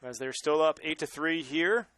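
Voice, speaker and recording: A man's voice: on the high side, moderate pace, fairly bright tone. A man with a Boston accent calling a baseball game live, mixing play-by-play with casual banter.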